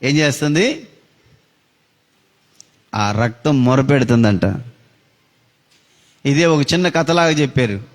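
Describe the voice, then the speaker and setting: A man's voice: mid-range voice, lively intonation, slow pace, long pauses. A man preaching a sermon, telling a story dramatically with big rises and falls in his voice. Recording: long reverb of a hall.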